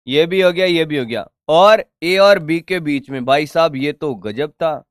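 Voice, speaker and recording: A man with a slightly high, smooth voice speaks unhurriedly in clean studio sound with no echo. Giving an online physics lesson at a board, he chats and teases, works through circuit problems, and answers his students' questions.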